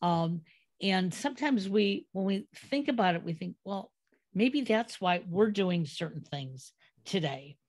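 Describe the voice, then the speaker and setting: A woman's voice: medium pitch, expressive, a little slow, darkish tone. A middle-aged woman hosting a podcast interview, reminiscing and telling family anecdotes. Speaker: podcast host.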